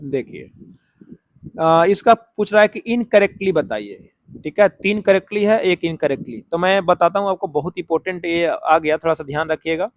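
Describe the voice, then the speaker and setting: A man with a fairly high voice teaches an exam-prep grammar class. He explains each point step by step, stretches out key words slowly, and keeps asking questions he answers himself. The sound is close and dry. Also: dry recording, highs cut off. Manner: writes on a board while talking. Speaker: English teacher.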